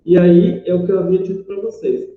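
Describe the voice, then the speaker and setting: A man's voice: high-pitched, steady tone, fairly quick. A man teaching a grammar lesson, explaining step by step and checking in often with his students. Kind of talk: recorded online grammar lesson. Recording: very echoey, dull lo-fi room recording.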